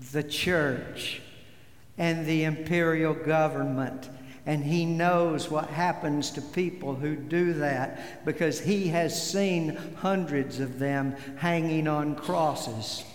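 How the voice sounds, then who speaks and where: A man preaching a sermon as pastor, slow and deliberate, leaning hard on key words. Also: fairly high pitch. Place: church sanctuary. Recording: echoey hall with long reverb.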